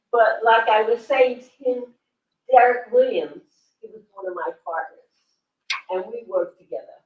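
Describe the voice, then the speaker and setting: A woman's voice: on the high side, measured pace, pauses often. An older woman, a former ballet dancer, speaking at a library event in a reflective way and laughing often. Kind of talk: casual talk at a library event. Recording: roomy, distant, dull sound.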